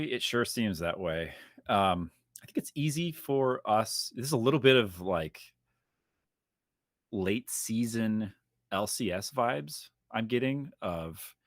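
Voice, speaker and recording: Lower-pitched upbeat male podcast host. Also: no echo, studio quality. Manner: energetic, jokey, fast-talking. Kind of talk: casual podcast chat.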